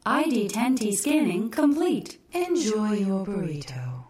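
Casting: vrouw als gentle care robot, slow soft robotic delivery, lively pitch, heard from afar over loud music. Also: female voice, recorded from a distance. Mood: calm.

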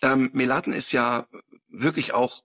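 A man's voice: medium pitch, a little slow. A middle-aged man telling stories in casual chat as a podcast co-host, acting out the voices he quotes. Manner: animated storytelling, acts out quoted voices.

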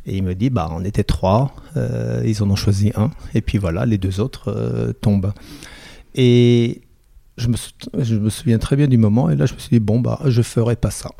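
A middle-aged man, a company boss, telling stories about his youth in a measured way with dry humor during a casual podcast interview. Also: mid-range voice, vocal fry, mellow, no echo. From France. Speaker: company CEO, podcast guest.

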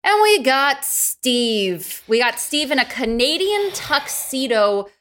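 A woman's voice: high-pitched, big pitch swings, slow, fairly bright tone. A woman co-hosting a podcast, chatting casually with wry, sarcastic quips. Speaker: podcast co-host. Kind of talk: casual chat.

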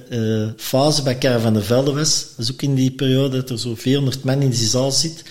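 A man from Antwerp with a Flemish accent, a podcast guest telling personal stories in lively conversation and acting out the voices he quotes. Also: mid-range voice. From Antwerp, Belgium.

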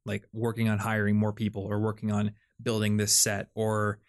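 This young podcast host has a lowish, clean-toned voice that stays monotone at normal speed. Chatting casually, he thinks aloud and often restarts, leaning on filler words.

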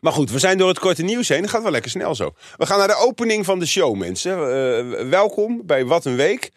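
Dutch male podcast co-host, animated and rambling, dry booth sound. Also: fairly high pitch, a little fast, no echo. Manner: rambling, self-interrupting storyteller. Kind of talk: casual comedic chat.

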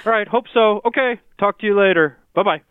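A man, a podcast co-host, leaving a casual, halting phone voicemail. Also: high-pitched, clean tone, no echo. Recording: tinny phone-line voicemail.

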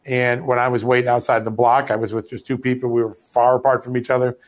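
A man's voice: mid-range voice, level tone, quick pace. A man hosts a political talk show in a conversational voice. He tells stories from his own life before putting questions to his guest.

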